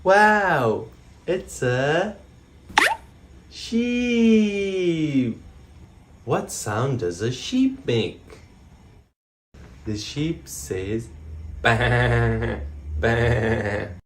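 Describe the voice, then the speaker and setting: A woman presenting a toddler learning video, speaking slowly in a coaxing, exaggerated way. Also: sits low, big pitch swings, background noise. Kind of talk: teaching toddlers.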